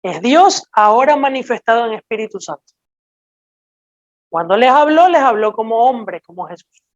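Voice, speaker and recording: A woman preaching a sermon, teaching slowly and emphatically and checking in with her listeners as she explains scripture. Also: fairly high pitch, expressive, no room sound, lo-fi sound.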